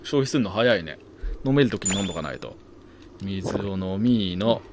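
A man doing let's play commentary, talking to himself in a chatty, joking way. His voice swings widely, from mutters to loud startled yells. Game sound plays loudly underneath him. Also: sits low, animated, normal speed, background noise. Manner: chatty, jokey, bursts into loud startled yelling.

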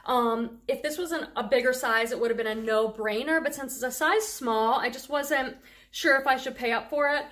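A middle-aged woman from the Boston area, USA, chats enthusiastically through a thrift haul as a reselling vlogger, her faint Boston accent showing on a handful of words. Her voice is high and a bit bright, at a moderate pace. The casual haul vlog is full of excitement about her clothing finds.

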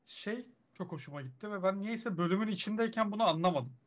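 A man's voice: high voice, expressive, fast. A man in a casual group chat, hesitant and thinking aloud. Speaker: guest.

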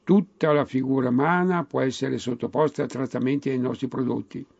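A man acts out a tall, polite saleswoman in a comic tale in dialect. The patter is courteous and relentless, product after product. The voice is creaky, on a slightly dull recording. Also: fairly even intonation, fairly quick, darkish tone, no echo. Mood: insistent, courteous. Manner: polite, recites product lists like a sales pitch. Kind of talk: comic storytelling, acted dialogue.

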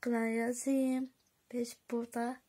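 A woman vlogging casually to her viewers, chatty and excitable, giggling often. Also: on the high side, slow. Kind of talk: casual vlog chat to viewers.

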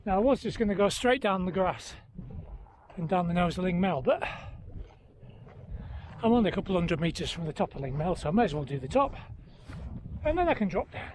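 High-pitched man talking while running. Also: big pitch swings, fairly quick, pauses often, a little mellow. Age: middle-aged. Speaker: trail running vlogger. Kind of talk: casual vlog narration to camera. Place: outdoors on an open mountainside. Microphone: handheld action camera at arm's length. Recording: noisy outdoor handheld camera recording.

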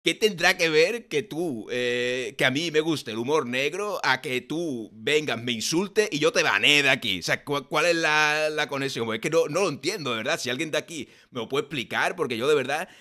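Young Spanish man, live-stream reaction host, blunt and rambling, bright forceful tone. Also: fairly high pitch, expressive, normal speed, few pauses. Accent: Spanish (Spain). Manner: blunt, exasperated rambling with restarts. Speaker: streamer reacting to a comedy show. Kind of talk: casual live-stream commentary.

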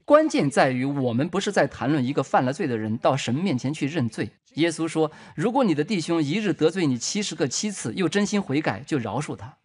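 A man preaching a sermon in an impassioned, emphatic way, swinging between loud declarations and hushed asides. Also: a little high, big pitch swings, fairly quick, few pauses, breathy edge. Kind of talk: sermon teaching.

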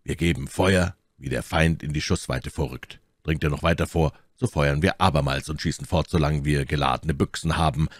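A man reading aloud voices a calm, cool-headed musketeer who speaks quietly and indifferently. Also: rumbling low, moderate pace, hardly any pauses, no echo.

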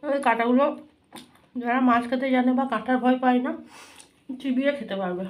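Fast-talking woman with mouth full. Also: sits high. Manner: chatty, talking while eating. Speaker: food vlogger. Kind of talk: casual eating-show commentary.

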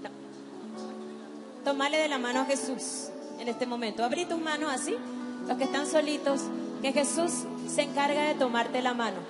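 Woman in her 30s preaching to a big crowd, high voice, music playing under her, echoey hall. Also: fairly even intonation. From Paraguay. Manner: emphatic, directs the crowd, slows for dramatic effect. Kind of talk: testimony and prayer preaching at a youth event. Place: large hall with live audience. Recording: reverberant hall with background music.

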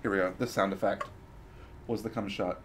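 A man playing a game on stream, cracking crude jokes in casual commentary and sometimes bursting into shouts. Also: fairly low pitch, fairly even intonation, moderate pace, slight background noise. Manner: crude joking, sudden shouted outbursts. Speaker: let's play streamer.

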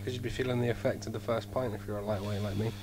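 A man's voice: lowish voice, steady tone, racing, darkish tone, slight background noise. A tired man, a podcast guest, joking sleepily at his own expense. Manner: sleepy, self-mocking. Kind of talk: casual banter among friends.

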